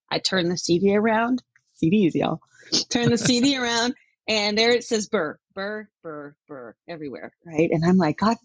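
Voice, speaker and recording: Middle-aged woman from Denmark, husky mid voice, dry close recording, lively interview guest. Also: mid-range voice, no echo. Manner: chatty and animated, laughs often. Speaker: country music artist, guest. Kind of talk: casual interview talk.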